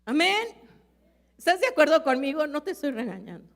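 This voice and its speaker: A woman's voice: high-pitched, sing-song, a little fast, gravelly. A woman pastor with a Mexican accent, preaching a sermon earnestly and asking her congregation questions. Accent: Mexican Spanish. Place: church. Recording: echoey church hall.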